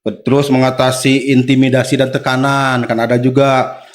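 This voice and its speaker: A man in his forties, a guest official on a podcast, explaining things step by step in a relaxed way and often agreeing with short replies. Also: medium pitch, moderate pace. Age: 40s. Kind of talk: casual podcast conversation.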